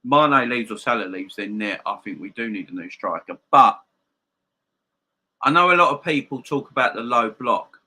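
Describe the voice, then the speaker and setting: A man with a very bright, forceful voice and a slight gap-toothed lisp chats to viewers as a football stream host. He is emphatic and often repeats a phrase to drive it home. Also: mid-range voice, lively intonation, normal speed. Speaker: football fan channel live stream host. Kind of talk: casual live-stream chat and football opinion, addressing viewers.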